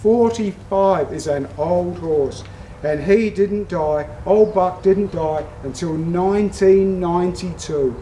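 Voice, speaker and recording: A man's voice: high-pitched, takes it slowly, warm tone, echoey room, slight background noise, rough recording. An Australian man hosting a vlog, telling a story in a folksy, heartfelt way. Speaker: vlog host. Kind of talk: casual storytelling.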